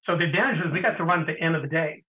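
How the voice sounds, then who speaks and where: A middle-aged man, an interview guest, tells stories in a casual way, often clearing his throat and pausing with fillers. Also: a little high. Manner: anecdotal, frequent throat clearing and hesitant fillers. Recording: tinny phone-like sound.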